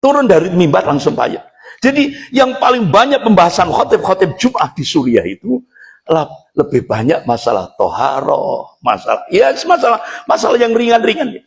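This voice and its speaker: A middle-aged Indonesian man preaching to a congregation in an animated, emphatic way. His voice sits somewhat high and leaps widely in pitch as he drives his points home. He often turns to address the listeners directly. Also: moderate pace, gravelly. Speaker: Islamic preacher. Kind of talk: religious lecture to a congregation.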